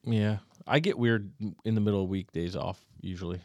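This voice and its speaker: A man, co-hosting a podcast in rambling, halting casual chat full of restarts. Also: lowish voice, darkish tone, dry recording, dull audio. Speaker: podcast co-host.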